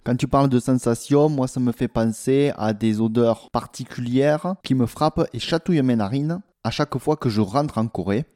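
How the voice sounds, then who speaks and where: A jovial man co-hosting a podcast, chatty and playful in manner. His voice is mellow and warm at an ordinary pitch. He leads the conversation easily. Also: normal speed, hardly any pauses. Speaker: podcast co-host. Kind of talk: casual podcast chat.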